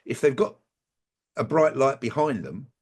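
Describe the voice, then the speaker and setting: A man, a guest in a conversational interview, telling wry anecdotes in a halting way over a remote call. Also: mid-range voice, animated, darkish tone, breathy edge.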